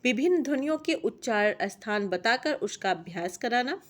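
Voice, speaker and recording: A young woman teaching a class on language teaching, reading out lists of points in a steady classroom manner. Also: fairly high pitch, moderate pace. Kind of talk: exam-prep lecture reading out points.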